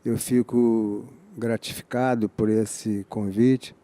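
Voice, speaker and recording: An older Brazilian man from Rio de Janeiro speaking as a guest in a measured, formal, grateful manner. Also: fairly low pitch, flat delivery, mellow.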